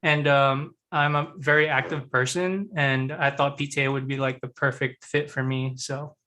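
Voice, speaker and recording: A man born in the Philippines introduces himself in a measured way, hesitating with fillers. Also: medium pitch, steady tone, bright, forceful tone. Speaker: new student, military veteran.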